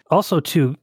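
A man's voice: medium pitch, a little mellow, husky, no echo, studio quality. A man co-hosting a podcast in casual chat, talking loosely with restarts and frequent laughs. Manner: chatty, rambling with restarts, laughs often. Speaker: podcast co-host.

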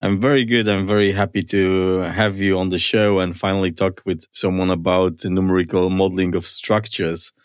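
A man hosting a podcast in an upbeat, curious and informal manner, introducing and interviewing. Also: low voice. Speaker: podcast host.

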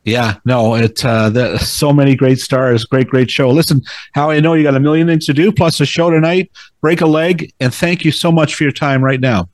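A man from Canada hosting a podcast, interviewing a guest with quick friendly interjections and reading a scripted outro. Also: mid-range voice, fairly even intonation, dry recording. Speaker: podcast host.

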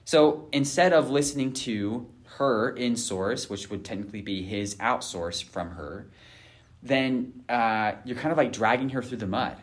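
A man's voice: mid-range voice, a little slow. A man hosting a casual discussion as a therapist, earnest and full of fillers and restarts. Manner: earnest, many fillers and restarts, acts out couples' voices. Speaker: host and therapist.

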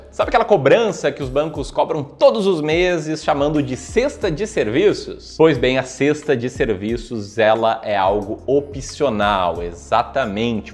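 A Brazilian man hosting an explainer video, speaking straight to the viewer in an emphatic, informal, showman-like way. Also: mid-range voice. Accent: Brazilian Portuguese. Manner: informal, colloquial asides. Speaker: video host, professional investment manager. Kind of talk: direct-to-camera explainer.

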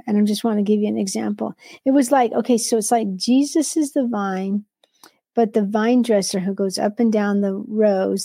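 A woman's voice: mid-range voice, gravelly, warm tone, no echo. A woman, an entrepreneur and devotional author, talks earnestly about her faith and work, often quoting scripture and sometimes restarting her sentences. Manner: earnest, quotes scripture aloud; restarts and self-corrections. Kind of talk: faith-based conversational sharing.

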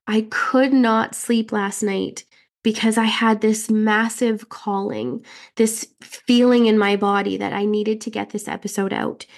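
Nasal, raspy woman with a head cold. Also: medium pitch, unhurried. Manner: earnest, direct, coaching listeners with questions. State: getting over a head cold. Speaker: podcast host and fertility mindset coach. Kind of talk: motivational podcast monologue.

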